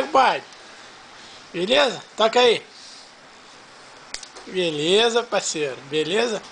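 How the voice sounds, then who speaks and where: A man's voice: high-pitched, a bit bright, a little hiss or hum. A man with a Brazilian accent filming a baby at home and talking to it in a playful, coaxing sing-song. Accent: Brazilian Portuguese.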